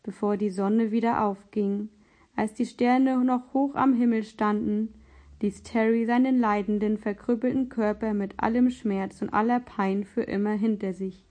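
Warm-toned woman narrating a story. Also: medium pitch, steady tone, unhurried.

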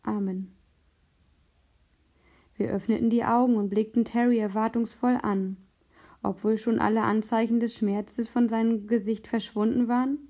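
Warm-toned woman narrating a story. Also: on the high side, level tone, moderate pace.

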